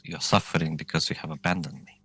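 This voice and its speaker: A man voicing a stern, commanding goddess of the underworld in a solemn, deliberate tabletop game performance. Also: rumbling low, fairly even intonation, bright, forceful tone, faint music behind, rough recording. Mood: solemn, reproachful.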